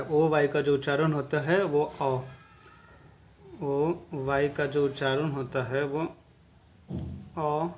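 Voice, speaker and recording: Guy teaching english phonics, fairly high voice, says every word twice, slow and patient. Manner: repetitive, patient drilling. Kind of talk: phonics lesson.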